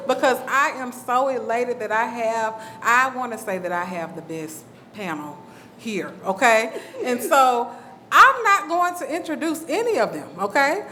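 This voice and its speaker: A woman's voice: a little high, animated, unhurried, pushed and bright, a little hiss or hum. A woman moderating a book festival panel, enthusiastic and chatty, often checking in with the crowd. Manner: enthusiastic, cheers and asks the crowd "okay?".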